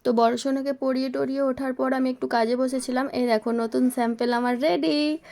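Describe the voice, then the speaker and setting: A woman's voice: high voice, steady tone, brisk, creaky, darkish tone. A young woman, casually narrating her day of household chores as a mother, recorded on a phone. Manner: chatty, homely narration of daily chores. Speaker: vlogger, mother.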